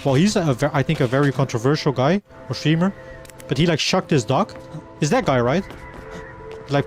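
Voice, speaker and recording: A Dutch man streaming a game live, chatting casually with his viewers and laughing between lines. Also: mid-range voice. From Netherlands. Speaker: livestreamer. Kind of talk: casual chat while gaming live.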